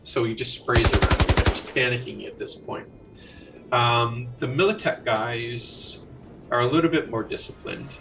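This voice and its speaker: A man's voice: medium pitch, normal speed, distant mic, heavy background noise. A man narrating combat as game master of a tabletop role-playing game, in a casual, rambling way with many fillers.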